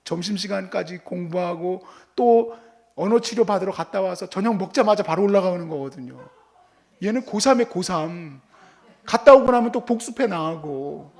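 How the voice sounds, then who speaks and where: A man's voice: high voice, lively intonation, normal speed, darkish tone. A man preaching a sermon as pastor, telling stories and acting out how he scolds and comforts his child.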